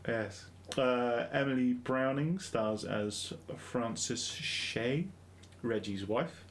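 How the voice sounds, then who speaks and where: A man's voice: mid-range voice, extremely slow, slight background noise. A man from London hosting a casual film review podcast, joking and often laughing as he talks. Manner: jokey, often laughing, loose and rambling. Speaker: podcast host.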